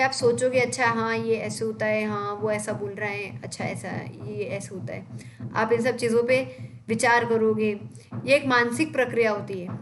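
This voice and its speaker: Young female teacher, high voice, patient lecture that asks and answers its own questions. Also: fairly bright tone, slight background noise. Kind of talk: exam-prep lecture.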